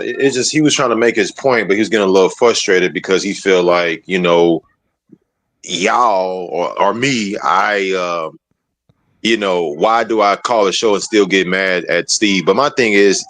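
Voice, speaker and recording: A man on a livestream panel who talks haltingly, full of fillers and street slang. His voice sits low and sounds dry and close. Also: fairly bright tone, dry recording. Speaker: panel caller. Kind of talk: casual chat.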